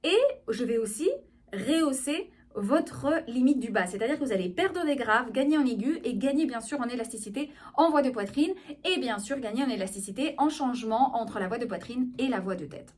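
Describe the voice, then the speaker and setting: Higher-voiced woman teaching vocal technique. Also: a little fast. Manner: lively teaching tone, checks in with listeners. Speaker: speech therapist. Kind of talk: explanatory video lesson.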